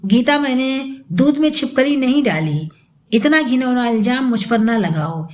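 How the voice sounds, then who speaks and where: A woman's voice: on the high side, expressive, unhurried. A woman doing a pleading, frightened stepmother. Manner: pleading, anxious. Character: gentle middle-aged stepmother, frightened and pleading.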